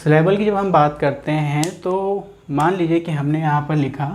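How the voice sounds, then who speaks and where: A man's voice: on the high side, normal speed, darkish tone, a little hiss or hum. A man with an Indian accent teaching a grammar lesson, explaining step by step and answering his own questions. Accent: Indian English.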